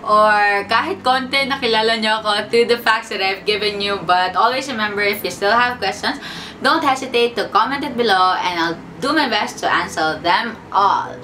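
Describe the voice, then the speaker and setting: A woman's voice: mid-range voice, moderate pace, pushed and bright, far from the mic, slight background noise, rough recording. A young woman from the Philippines in a casual sit-down vlog, chatting and mixing Tagalog and English. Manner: chatty, mixes Tagalog and English, says bestie. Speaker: vlogger.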